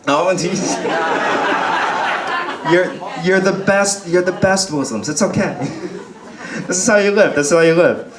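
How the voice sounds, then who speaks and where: On a pub comedy stage, a young man from Texas delivers a chatty set full of self-deprecation and frequent laughter. He speaks in a high voice with lively intonation, unhurried and leaving long pauses, and the roomy recording carries a faint murmur from the crowd.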